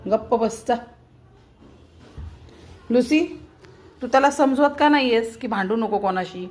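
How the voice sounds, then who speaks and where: A woman's voice: a little high, measured pace, a little mellow. A woman vlogger talking to her pet cats at home, scolding and coaxing them like children while chopping vegetables.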